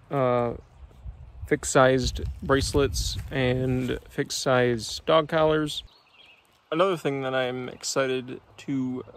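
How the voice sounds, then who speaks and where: A man's voice: mid-range voice, gravelly. A young man in his twenties, a small business owner, talking casually to a phone camera outdoors in the woods, rambling with many fillers and restarts. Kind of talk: casual vlog talk. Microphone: phone at arm's length.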